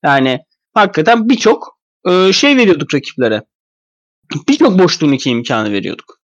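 A man's voice: on the high side, big pitch swings, normal speed, dry recording, muffled recording. Man, thick congested voice, sick with a cold, casual sports podcast analysis, hesitant, close dry recording. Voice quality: thick, stuffy-nosed voice from a cold. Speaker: basketball podcast commentator.

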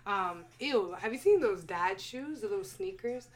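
A woman's voice: mid-range voice, animated, moderate pace. A young woman talking casually as a podcast guest, opinionated and emphatic, laughing often. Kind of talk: casual chat.

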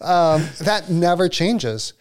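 A man's voice: on the high side, animated, slow pace, a crowd in the background. A man in his forties, talking about faith and parenting in a casual chat. He is earnest and reflective and pokes fun at himself. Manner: earnest, reflective, self-deprecating.

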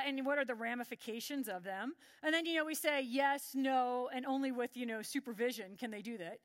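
A woman's voice: fairly high pitch, no room sound. A middle-aged woman giving a conference talk, telling stories and acting out what colleagues said. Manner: lively storytelling, acts out quoted colleagues. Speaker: conference speaker.

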